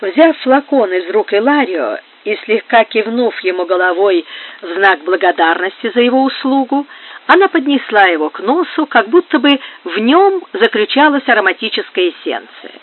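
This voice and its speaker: Audiobook narrator on a tinny line. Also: medium pitch. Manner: measured, even literary reading. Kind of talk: audiobook reading of a historical novel. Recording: phone-like narrow band.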